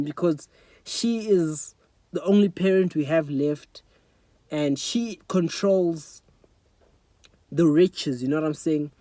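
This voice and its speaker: Filming himself on his phone's front camera, a young vlogger from South Africa delivers an earnest, emotional personal monologue, repeatedly saying "you know what I'm saying". His voice sits high, with no echo.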